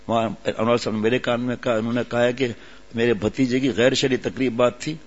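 An older man preaching to a seated gathering in a storytelling way, with asides to his listeners. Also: mid-range voice. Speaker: religious preacher. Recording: dull lo-fi audio.

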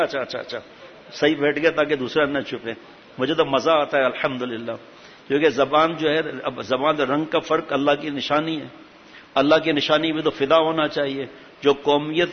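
A man preaching a sermon, telling anecdotes and acting out their dialogue. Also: fairly high pitch. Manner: animated storytelling, acting out dialogue. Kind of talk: storytelling sermon. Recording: echoey hall, dull audio, faint hiss.

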